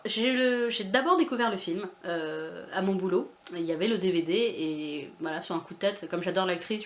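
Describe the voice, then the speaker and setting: A woman's voice: fairly low pitch, a little hiss or hum. A woman from France chatting casually in a vlog about her book haul, with many fillers, restarts and self-mocking asides. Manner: self-mocking, laughs often. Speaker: booktuber showing a book haul.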